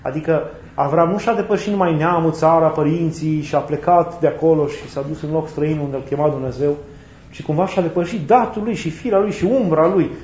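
A man preaching a sermon in a reflective way, often repeating and rephrasing his points, with touches of gentle humor. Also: a little high, a little hiss or hum. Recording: roomy, slightly dull recording with faint ambience.

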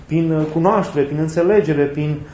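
A man preaching a sermon in a reflective way, often repeating and rephrasing his points, with touches of gentle humor. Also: a little high, slight background noise. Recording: roomy, slightly dull recording with faint ambience.

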